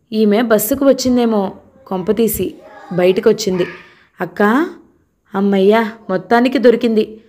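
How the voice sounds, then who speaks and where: A woman narrating a novel in a calm, even storytelling manner. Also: mid-range voice. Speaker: audiobook narrator. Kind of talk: novel reading.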